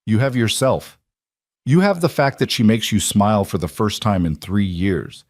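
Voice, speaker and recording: A blunt, frank male friend speaks firmly, as voiced by a male narrator. His voice is low and dry. It comes across as a storybook reading. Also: moderate pace, dry recording, lightly acted. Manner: blunt, firm.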